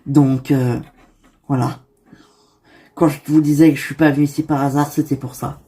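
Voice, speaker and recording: A woman's voice: deep voice, level tone, normal speed, warm tone, lightly acted. A woman voicing a young man who hesitantly confesses his love, in a toy-figure soap drama. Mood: confessing. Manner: hesitant, full of fillers.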